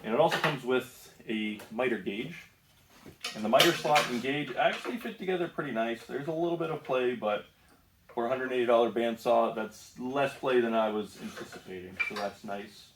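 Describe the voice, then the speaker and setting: A man's voice: medium pitch, moderate pace, echoey room, background noise. A man from the northeast United States casually reviewing a bandsaw in his home woodworking shop, easygoing, with lots of ums and self-corrections. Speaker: tool reviewer.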